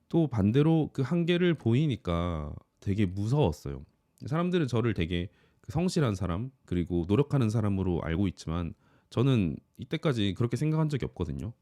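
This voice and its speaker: Deep-voiced man of thirty, calm reflection. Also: dry recording, clean studio sound. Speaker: office worker and YouTuber. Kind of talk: reflective personal monologue.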